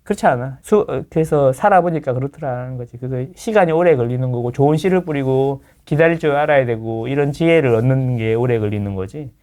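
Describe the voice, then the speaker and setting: A man who is a real estate lecturer, talking as a guest in a casual interview, lecturing with playful impressions of others and quick tag questions. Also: medium pitch, mellow. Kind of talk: casual talk-show interview.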